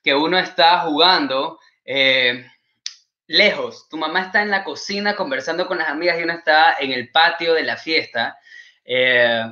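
Brief: Ecuadorian male stand-up, lively and bright-toned, dull roomy recording. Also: on the high side. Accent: Ecuadorian Spanish. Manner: animated, mimics scolding mothers in a shifted voice. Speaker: comedian. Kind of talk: stand-up comedy, live stream.

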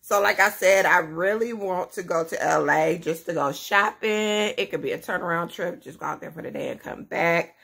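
A husky, fairly low voice with vocal fry and a slightly bright edge carries this 30s vlogger and mother of many as she chats casually to camera at home. Rambling and laughing in a small indoor room, she talks at a moderate pace with few pauses.

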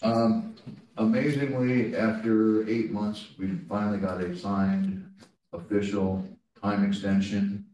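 A staff member gives a board committee a project update during a meeting, speaking haltingly with lots of ums and pauses while his pitch swings animatedly. He's recorded by a far-off camera in a very echoey conference room with faint background noise.

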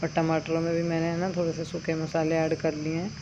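A woman's voice: sits low, completely flat delivery, a little fast. A woman chatting homely as she narrates her cooking step by step in a village home kitchen. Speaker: village vlogger. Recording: dull lo-fi sound with outdoor noise. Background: insects and crickets.

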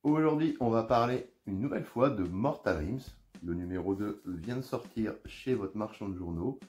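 A man with a northern French accent hosts his own channel, narrating a casual unboxing in a chatty, relaxed way with lots of hesitations. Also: fairly low pitch, moderate pace, husky. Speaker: channel host. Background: faint background music.

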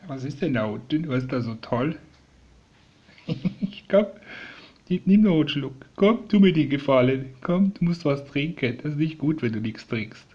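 In a casual home video, a vlogger raising a rescued sparrow talks to the young bird in a soft, doting, coaxing way, often dropping to a whisper, and explains things to viewers. His voice is mid-range, expressive and at normal speed, the highs are cut off, and the sparrow chirps in the background.

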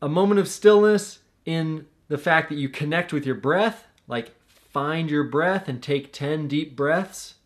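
A young adult man who teaches paragliding hosts a tutorial vlog from a small room at home, addressing the camera directly with earnest coaching and hand gestures. His voice is fairly high and unhurried.

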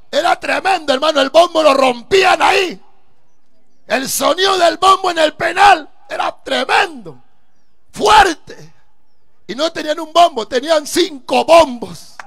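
A man preaching a fervent live sermon at a church service, breaking into emphatic shouted bursts. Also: very high-pitched, gravelly.

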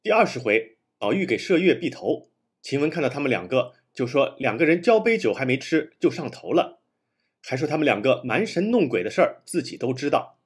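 A man's voice: medium pitch, big pitch swings, fairly quick, husky. A man hosting a literary commentary show, laying his points out one by one. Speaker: host.

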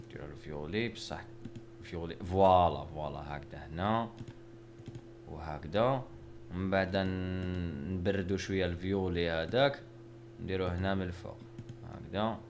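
A man's voice: sits low, moderate pace, long pauses, a little hiss or hum. A young man, casually talking through a drawing with joking, self-mocking banter. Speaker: video creator. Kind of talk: casual narration while drawing.

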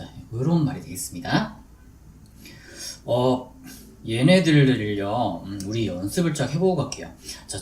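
A man teaching business English in a chatty lecture, drilling English phrases slowly and deliberately. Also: mid-range voice, darkish tone. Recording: echoey room, distant mic, faint noise.

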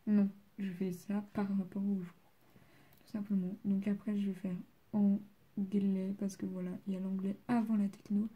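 Dull audio captures a teenage girl from France doing homework on camera for a study vlog. She talks casually with plenty of fillers, sometimes dropping to a murmur, in a level, mid-range voice at a moderate pace with a breathy edge.

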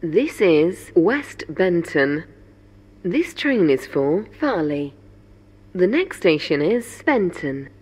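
A woman voicing a recorded onboard train announcement. She speaks in a measured, formal way, with even spacing between phrases. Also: fairly low pitch, breathy edge, heavily acted. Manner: measured, formal and evenly spaced. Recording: game audio over loud train noise.

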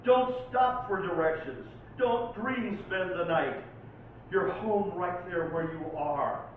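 A high-voiced man from Oregon slowly reads his own poetry at a live event, offering informal introductions along the way. Because the venue was recorded from a distance, he sounds echoey and far off, and the audio is tinny, very reverberant and carries faint noise.

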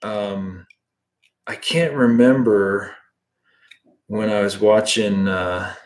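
With a fairly low voice and drawn-out words, a man in his thirties from the US teaches fly tying from a room in his home. It's a laid-back livestream tutorial where he chats easily and responds to viewers' comments while he works.

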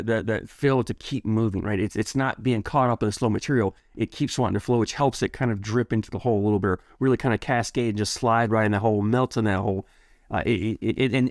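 A man's voice: medium pitch, no echo, clean studio sound. A man giving a casual, enthusiastic product review, rambling a bit with restarts and repeated words.

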